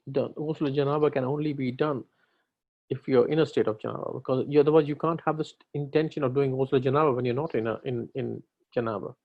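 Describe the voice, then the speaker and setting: A man's voice: medium pitch, gravelly. Man teaching an online religious class. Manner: patient, corrects pronunciation, prompts students. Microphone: video call. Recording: lo-fi online call audio.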